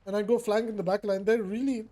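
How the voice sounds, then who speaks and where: A woman streamer talking through a match in a loose, joking way, breaking into laughs between calls. Her voice sits at an ordinary, middle pitch. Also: fairly even intonation, fast talker, mellow. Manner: joking, teasing, laughs often. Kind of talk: casual gaming chat.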